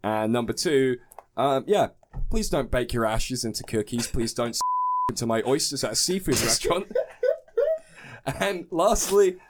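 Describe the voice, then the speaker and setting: A man's voice: mid-range voice, expressive, moderate pace, slight background noise. A young man from England in casual chat, explaining things in a wry, mock-serious way. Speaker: podcast co-host.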